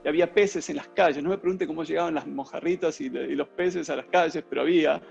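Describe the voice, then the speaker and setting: In a casual interview with faint music behind it, a middle-aged Argentine man speaking with a Buenos Aires accent rambles through his life story, full of filler words. He talks quickly in a fairly high, creaky, slightly mellow voice, and the recording's highs are cut off.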